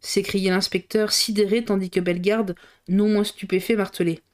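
Female streamer reading a novel aloud; medium voice, steady, with occasional self-corrections. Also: mid-range voice, moderate pace.

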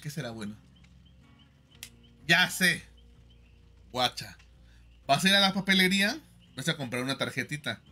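Bright-voiced joking Mexican streamer. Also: male voice, on the high side, expressive, measured pace, pauses often, faint music behind. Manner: joking, slangy, lots of fillers. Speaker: livestream host. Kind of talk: casual chat, joking advice to viewers.

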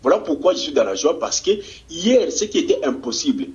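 A man's voice: fairly high pitch, very animated, brisk, a little mellow. Guy, activist giving fiery answers, trips over his words a lot, kinda muffled lo-fi audio. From DR Congo. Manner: fervent and rousing, stumbles and repeats words. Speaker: political activist guest. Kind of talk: political interview answer. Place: Congolese diaspora community in Australia. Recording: dull lo-fi TV recording.

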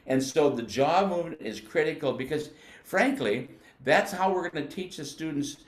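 An older man from the United States teaching band, explaining flute technique patiently and sounding out syllables slowly. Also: fairly high pitch, reverberant. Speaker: music educator. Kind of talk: instructional demonstration.

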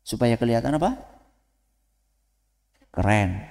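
A man preaching to students in a lively way, asking the audience questions and then answering them himself. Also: mid-range voice, measured pace, gravelly. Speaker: Islamic preacher. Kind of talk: lecture to students. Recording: long hall reverb.

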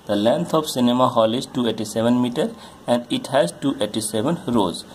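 A man tutoring chemistry, working through a solved problem in a halting way with many fillers while pointing at a diagram. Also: medium pitch, slight background noise. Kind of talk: explaining a solved problem on a board.

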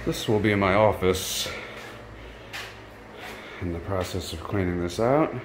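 Low-voiced man giving an offhand walkthrough. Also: a little slow, noisy background. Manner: relaxed, offhand commentary while walking. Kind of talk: casual handheld walkthrough. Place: campus grounds outdoors and building interior with greenhouse. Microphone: handheld camera.

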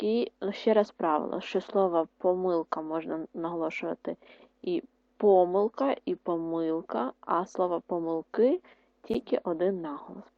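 A woman teaching an online lesson to second graders, reading words and sentences slowly and clearly, repeating each one for dictation. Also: mid-range voice, dry recording, muffled recording. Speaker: primary school teacher.

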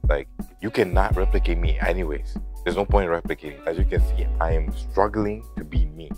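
In this vlog, a twenty-something man raised in Lebanon speaks to camera in a rambling way, peppered with "like" and "you know." His voice sits low and his delivery is brisk, with music playing in the background. A lapel mic picks him up indoors at a house.

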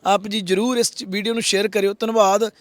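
A man makes an earnest appeal, pleading and repeating his requests. His voice sits fairly high and is recorded close and dry. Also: little pitch movement, brisk, dry recording. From Punjab, India. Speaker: social worker, host of an appeal video. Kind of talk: public appeal to viewers.

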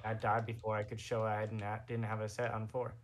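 A man's voice: fairly low pitch, monotone, quick pace. Frustrated rambling young male player. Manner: frustrated, rambling, re-enacts his own thoughts. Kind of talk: casual post-game chat.

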